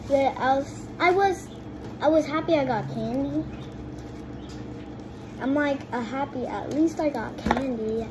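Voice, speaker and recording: A chatty young girl, speaking slow and high, vlogs to camera from her home kitchen table by a window, rambling and restarting often. A phone propped on the table records her, with noisy background sound.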